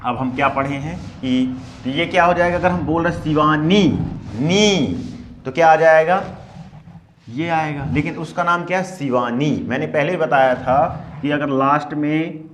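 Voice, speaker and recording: This male English teacher speaks a little slowly in a fairly high voice, with a little hiss or hum on the recording. He leads a spelling lesson in class, breaking words into syllables and answering his own questions.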